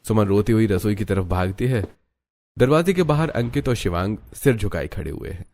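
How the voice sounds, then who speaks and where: Low-voiced man narrating a cartoon story. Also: animated, moderate pace, darkish tone. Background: faint music.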